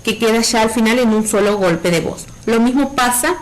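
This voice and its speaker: A woman's voice: on the high side, normal speed, rough recording. A woman primary school teacher giving a recorded virtual lesson, explaining patiently and checking in with her pupils.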